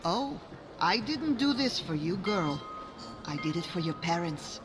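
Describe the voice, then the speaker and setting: An actress playing a kindly, brisk older village woman in a fantasy game, maternal and plain-spoken. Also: fairly low pitch, sing-song. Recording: music behind voice.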